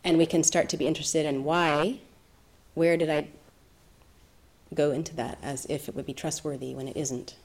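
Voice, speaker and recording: Soft-spoken woman teaching meditation. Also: low voice, steady tone, normal speed. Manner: soft-spoken, thoughtful, with gentle laughs. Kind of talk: reflective dharma talk.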